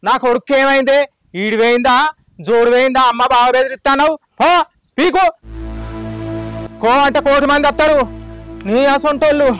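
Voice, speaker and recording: A man with a Telangana accent playing a sharp-tongued old village mother-in-law who taunts and scolds. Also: very high voice, fairly even intonation, moderate pace, pauses often, dry recording, faint music behind. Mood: scolding. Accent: Telangana Telugu. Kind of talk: village comedy skit acting.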